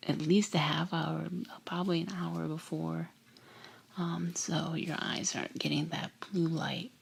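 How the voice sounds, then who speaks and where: Breathy woman whispering ASMR close to the ear. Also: low voice, little pitch movement. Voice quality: breathy, hushed. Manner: unhurried, gentle, soothing. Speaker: ASMR creator and host. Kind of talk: whispered ASMR bedtime talk.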